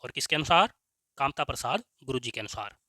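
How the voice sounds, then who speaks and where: A man teaching Hindi grammar, dictating slowly and repeating words so students can write them down, often saying "ok ji". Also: medium pitch, expressive, pushed and bright, dry recording, clean studio sound. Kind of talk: slow dictation-style lesson.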